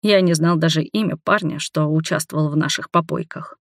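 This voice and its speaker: Audiobook reader, first-person narration, measured, steady, mid pitch, dry close sound. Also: dry recording.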